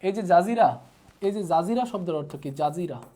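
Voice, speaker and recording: A man's voice: sits high, expressive, normal speed, dark tone. A man with a Bangladeshi Bengali accent teaching a live online class, repeating terms and asking viewers to comment. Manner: repetitive drilling, asks viewers to comment.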